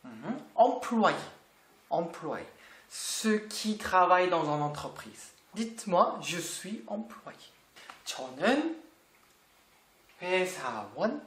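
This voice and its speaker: A language teacher walks through a lesson slowly and patiently, repeating each word and asking the learner questions back. The pitch rises and falls a lot as they explain. The voice sounds roomy, with a clear echo. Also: big pitch swings, a bit bright.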